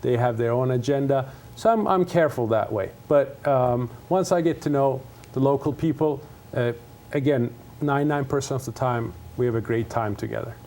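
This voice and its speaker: A man's voice: mid-range voice, moderate pace, dark tone, a little hiss or hum. A middle-aged man from Turkey, Turkish native speaker, talking earnestly in a TV studio interview as a conservation scientist, with many fillers and restarts. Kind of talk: casual interview talk.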